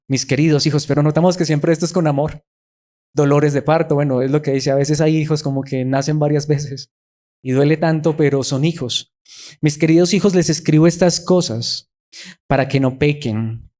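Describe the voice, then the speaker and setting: A man's voice: mid-range voice, mellow. A man preaching a sermon as pastor to his congregation, earnest, with his emphasis rising and falling. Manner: earnest, rises and falls in emphasis.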